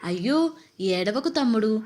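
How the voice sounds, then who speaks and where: A woman doing a gentle young girl soothing a child. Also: on the high side, animated, a little slow. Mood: coaxing. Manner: gentle, coaxing. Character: kind twelve-year-old girl soothing a crying boy.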